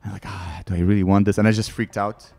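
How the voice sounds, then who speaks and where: A man's voice: on the low side, flat delivery, quick pace, vocal fry, a little mellow. A male comedian guest chatting casually on a podcast, telling candid, rambling stories and laughing between lines. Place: studio.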